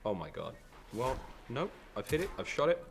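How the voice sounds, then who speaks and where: A young man hosting a gaming show, bantering and joking excitedly while he plays. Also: mid-range voice, gravelly, a little hiss or hum. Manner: excitable, jokey, quick exclamations. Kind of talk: casual let's-play banter. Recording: game music behind.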